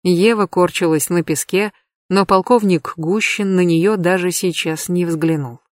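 Low-voiced woman reading a thriller. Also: a little slow, no room sound, clean studio sound. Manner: dramatic reading. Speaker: audiobook narrator. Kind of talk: scripted narration.

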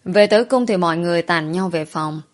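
A woman reading a first-person story aloud in a soft, emotive way. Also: fairly low pitch, brisk.

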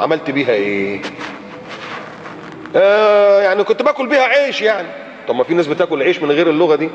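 Egyptian preacher in an echoey hall. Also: male voice, medium pitch, darkish tone. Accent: Egyptian Arabic. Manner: demonstrative, acts out examples and sounds out letters. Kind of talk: colloquial religious lecture. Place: lecture hall or mosque in Qatar. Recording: echoey hall, dull lo-fi recording.

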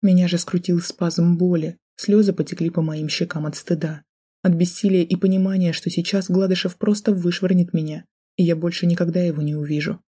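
A woman's voice: lowish voice, fairly even intonation, brisk, dark tone, breathy edge. A woman narrating a novel in the first person, telling it in a tense, emotional way. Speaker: audiobook narrator.

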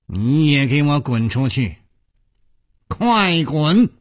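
Furious young swordsman, a man putting him on, harsh shouted commands, wildly swinging pitch, unhurried delivery. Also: very animated, no echo, studio quality.

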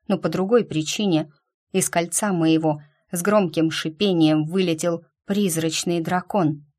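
A woman's voice: fairly low pitch, darkish tone. Woman narrating a fantasy story. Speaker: audiobook reader. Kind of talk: scripted first-person narration.

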